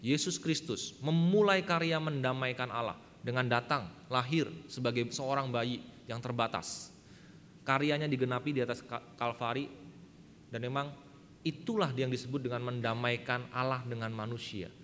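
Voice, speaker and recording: Emphatic preacher with a bright voice. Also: male voice, mid-range voice, fairly even intonation, moderate pace, long reverb tail, slight background noise. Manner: emphatic, repeatedly addresses the congregation. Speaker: pastor. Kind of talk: sermon. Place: church hall.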